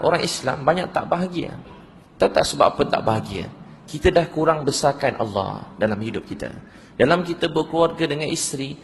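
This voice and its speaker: A man's voice: medium pitch, big-room sound, a little hiss or hum. A man with a Malaysian Malay accent preaching a sermon, telling stories and asking the audience questions. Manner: storytelling, asks the audience questions.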